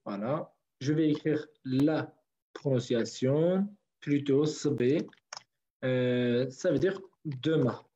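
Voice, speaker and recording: A man's voice: mid-range voice, slow pace, warm tone, slight background noise. A man from northern Kurdistan teaching a language class online, patiently repeating words for his students. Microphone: video call. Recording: dull lo-fi online call audio.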